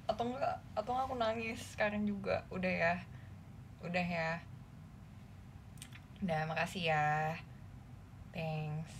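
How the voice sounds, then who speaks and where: A young woman hosting a casual livestream, talking in a flustered, embarrassed, giggly way. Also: medium pitch. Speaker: idol livestream host. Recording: faint background noise.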